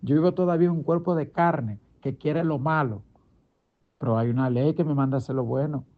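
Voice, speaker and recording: A middle-aged man delivers a daily devotional sermon as a pastor. His voice sits a little high, and he preaches emphatically in a conversational way, firing rhetorical questions. The recording is dull and lo-fi. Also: fairly quick.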